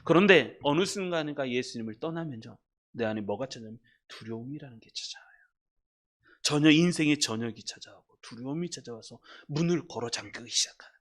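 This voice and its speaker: A male pastor preaching a sermon in a church, moving between soft, hushed asides and loud, drawn-out reading of scripture as he leads the congregation. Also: medium pitch, lively intonation. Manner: addresses the congregation directly, leads group reading. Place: church sanctuary.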